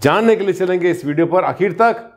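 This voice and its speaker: A man's voice: high voice, lively intonation, fairly quick, soft background music. A man who works as a vastu consultant, explaining in a casual, colloquial and teasing way and asking his audience rhetorical questions. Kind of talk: casual spoken explainer to camera.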